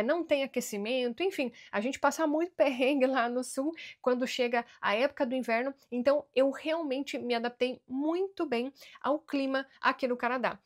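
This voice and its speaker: A Brazilian woman giving earnest immigration advice straight to camera in a vlog, slowing down to stress key words. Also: sits high. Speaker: immigration vlogger.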